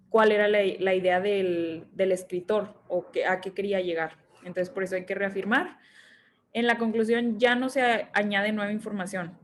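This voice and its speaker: A young woman with a Mexican Spanish accent explaining essay structure in a relaxed, chatty way, full of fillers. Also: medium pitch, slight background noise. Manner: chatty, many fillers like este and pues. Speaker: workshop instructor. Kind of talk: casual explanatory teaching.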